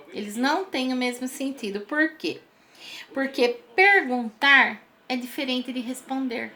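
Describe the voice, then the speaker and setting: A woman's voice: sits high, sharp tone. A woman teacher, patiently explaining homework exercises to children and using many diminutives.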